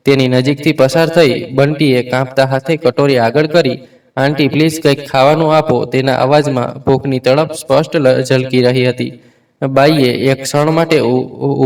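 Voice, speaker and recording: A man narrating an emotional story in an earnest, measured way, reading the quoted lines plainly. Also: mid-range voice, darkish tone, distant mic.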